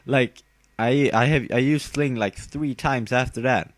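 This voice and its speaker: A man's voice: medium pitch, slow pace, a little mellow, no room sound. A tired young man casually commenting on his own game battle, rambling with fillers and giggling at himself. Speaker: gamer narrating his battle.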